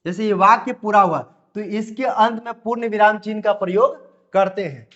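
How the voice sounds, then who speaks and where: A man teaching grammar, explaining patiently and repeating phrases, reading his examples out slowly word by word. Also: sits high, a bit bright, dull audio. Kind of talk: classroom lesson explanation.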